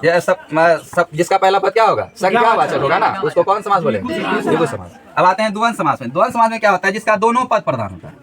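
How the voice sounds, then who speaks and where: A man's voice: sits high, very animated, quick pace, a crowd in the background. A man teaching a grammar lesson in a classroom, repeating each question so the students answer together.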